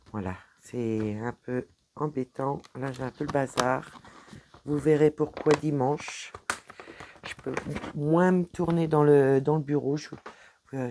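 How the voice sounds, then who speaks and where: A woman's voice: very deep voice, warm tone, a little hiss or hum. A woman with a French accent chatting casually at her home desk, rambling and stumbling over her words as she shows her cross-stitch progress. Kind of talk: casual show-and-tell vlog.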